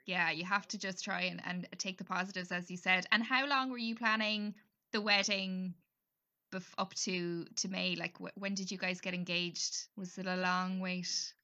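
A woman's voice: lowish voice, fairly even intonation, moderate pace, bright, forceful tone, dull audio. A woman interviewing a guest in a casual, supportive way, with many short agreeing murmurs.

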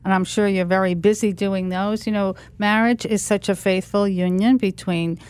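A woman's voice: mid-range voice, fairly even intonation, moderate pace, a little mellow, clean tone. A woman hosting a radio interview, who asks friendly, leading questions. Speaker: radio show host.

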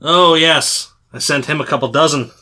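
Guy doing a cranky bellowing stall salesman, sharp forceful voice, picks fights. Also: a little high. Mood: gruff. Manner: blustering, combative, quick to anger. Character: surly, hot-tempered male poultry salesman.

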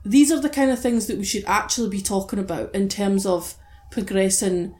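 A woman's voice: mid-range voice, steady tone, brisk, a little mellow. A woman hosting a podcast discussion, speaking emphatically and passionately, with plenty of swearing. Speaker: podcast host. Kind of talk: impassioned opinionated podcast discussion.

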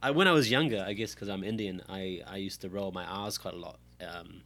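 A man's voice: low voice, fairly quick, fairly bright tone, slight background noise. A man co-hosting a casual film podcast, rambling through tangents and laughing often. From New Zealand. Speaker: podcast co-host.

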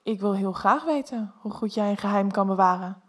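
A woman voicing a male office manager in an erotic story, in a soft, low-key way. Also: a little fast, lightly acted. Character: male office manager, adult, eager lover.

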